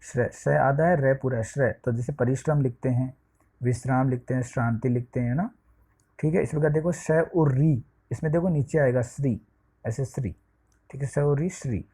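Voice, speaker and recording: A man's voice: medium pitch, normal speed, dark tone. A man teaching a Sanskrit lesson to eighth-grade students, explaining step by step, spelling out letters one at a time and often checking in with the class. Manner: often checks with "ठीक है" and "देखिए".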